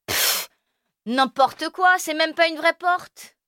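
A woman's voice: high voice, very animated, a little slow, fairly bright tone, no echo, voice pushed up, exaggerated voice. Bossy big kid, scoffy and dismissive, lady doing the voice, storybook reading, dry close sound. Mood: scornful. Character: bossy proud big boy, scornful.

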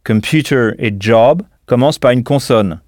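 A man's voice: medium pitch, darkish tone, no echo, studio quality. Patient man teaching a language lesson. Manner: clear, patient explaining with pauses for answers. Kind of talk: scripted audio language lesson.

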